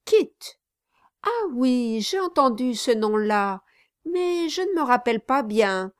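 A woman's voice: a little high, slow, clean tone, no room sound, studio quality, voice pushed up. A woman reading an audiobook, voicing a fawning, obsequious male lawyer. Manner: fawning, flattering.

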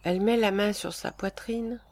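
A woman reading the stage directions of a play in a calm, even way. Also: medium pitch, moderate pace, dry recording.

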